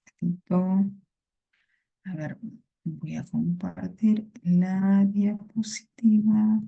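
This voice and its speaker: A woman's voice: medium pitch, fairly even intonation, very slow, gravelly, slightly rough, narrow, tinny audio. A woman teaching a vocabulary class over a video call, patient and repeating words. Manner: patient, repeats words and greets students by name.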